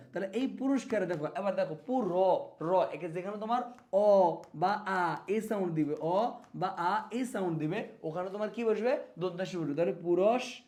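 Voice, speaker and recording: A man's voice: high-pitched, a little mellow. A man teaching an exam spelling lesson, speaking to students as friends and repeating words so they stick. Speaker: exam prep tutor.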